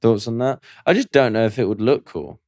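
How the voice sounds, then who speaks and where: A man in his mid-twenties, co-hosting a podcast in casual chat. He is playful and teasing and breaks into excited outbursts. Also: medium pitch, fairly quick, dry recording, studio quality. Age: 20s. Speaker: podcast co-host.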